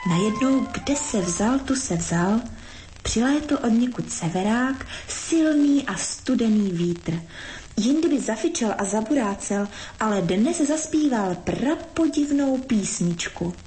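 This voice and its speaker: A woman gently reading a storybook aloud in measured narration. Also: fairly high pitch, expressive, soft background music, rough recording.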